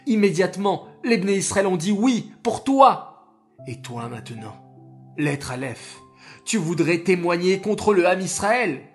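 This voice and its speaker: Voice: medium pitch, lively intonation, slow pace, a bit bright, soft background music. Brief: impassioned patriarch defending his people, children's audio story, put on by the narrator. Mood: pleading, indignant. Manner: impassioned, pleading.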